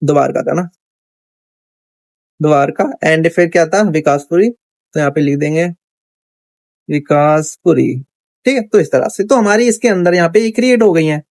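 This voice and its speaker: A man teaches coding on screen in a relaxed way, thinking aloud and often pausing to check in with "theek hai." His voice is on the high side and darkish, at a moderate pace with long pauses, in a dry recording.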